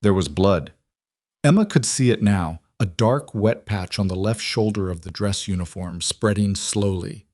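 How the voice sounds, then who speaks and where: A man narrating a dramatic story in a measured, scripted reading. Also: fairly low pitch, darkish tone, dry recording, studio quality.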